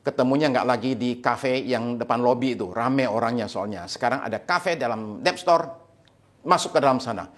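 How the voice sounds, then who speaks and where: A man's voice: mid-range voice, moderate pace. A man preaching a humorous sermon, telling a story and acting out the quoted husband and wife in different voices. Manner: animated, acts out quoted couples in shifting voices. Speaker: pastor. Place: church service.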